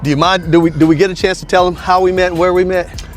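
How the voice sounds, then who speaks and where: Man in his sixties, fitness podcast host, fairly high voice, friendly and laughing, light music behind. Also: level tone, fast. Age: 60s. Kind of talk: casual chat.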